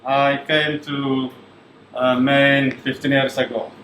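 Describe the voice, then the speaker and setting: A man from Ethiopia, a chef, explaining a recipe with a hesitant manner and many pauses. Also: mid-range voice, flat delivery, a bit bright. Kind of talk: cooking demonstration. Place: kitchen. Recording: echoey kitchen, faint background noise.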